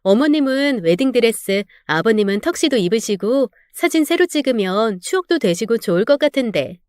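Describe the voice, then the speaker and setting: A woman voicing a cheerful young bride-to-be who speaks politely and gently persuades in a dramatized story reading. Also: a little high, lively intonation, normal speed, clean tone, no echo, studio quality, close to an everyday voice.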